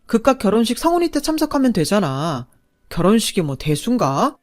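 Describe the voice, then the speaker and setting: A woman's voice: fairly high pitch, big pitch swings, fairly quick, darkish tone. A woman voicing a selfish young adult son who makes evasive, pleading excuses, in a storytelling narration. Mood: dismissive.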